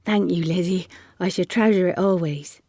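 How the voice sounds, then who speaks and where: A woman voicing an earnest, soft-spoken farm boy. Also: lowish voice, moderate pace, no room sound, studio quality. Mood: shy.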